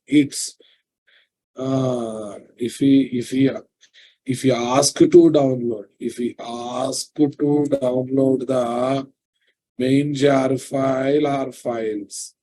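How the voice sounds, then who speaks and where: This is a programming instructor, a middle-aged man with a Telugu Indian accent, lecturing in a live online class from his computer indoors. His voice is medium-pitched and mellow, and he repeats phrases while dictating notes and quizzing listeners.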